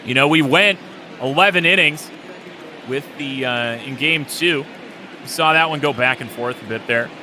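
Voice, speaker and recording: A man breaks down the game as the color commentator, keen and easygoing. His pitch is middling, and noise hums steadily in the background. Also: normal speed. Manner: easygoing, enthusiastic analysis. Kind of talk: casual sports commentary.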